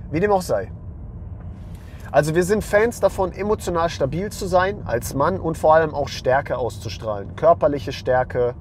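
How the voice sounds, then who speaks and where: A young man with a hoarse voice hosting a men's lifestyle channel, talking bluntly and with emphasis and slang, and often repeating himself. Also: on the high side, slight background noise. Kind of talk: blunt monologue to camera.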